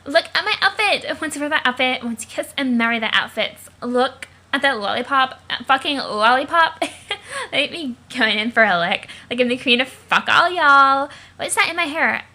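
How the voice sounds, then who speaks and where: A woman reading as a slangy, excitable teenage girl hacker who talks crudely and gushes. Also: sits high, moderate pace, exaggerated voice. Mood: gushing. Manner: crude, gushing, slang-heavy. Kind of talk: webcomic reading aloud.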